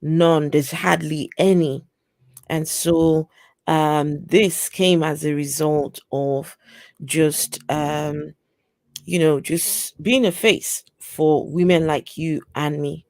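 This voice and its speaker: A woman from Africa hosting a casual interview chat, talking in a slow, reflective way with many fillers. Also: low-pitched, steady tone, darkish tone, no room sound, clean studio sound. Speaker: host.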